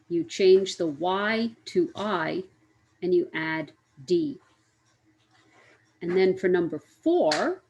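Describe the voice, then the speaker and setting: Slow, low-voiced woman teaching grammar. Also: low-quality recording. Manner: slow, careful, spells out letters and repeats examples. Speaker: English teacher. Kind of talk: grammar lesson.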